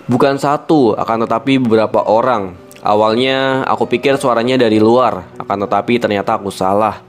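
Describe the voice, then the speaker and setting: A man narrating a first-person mystical horror story with measured pacing and dramatic pauses. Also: medium pitch. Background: faint music.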